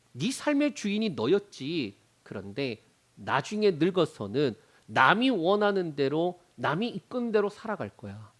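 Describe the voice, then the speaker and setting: 생동감 있게 설교하는 높은 음성의 남성 목사. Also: male voice, a little high. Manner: animated preaching, acting out quoted voices. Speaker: pastor. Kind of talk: sermon. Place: church sanctuary.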